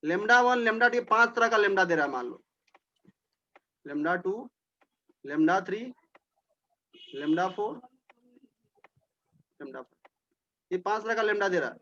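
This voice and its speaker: A man's voice: high voice, lively intonation, slow pace, pauses often, sharp tone, muffled recording. A male teacher giving a classroom lecture, explaining step by step, repeating points and speaking directly to his students.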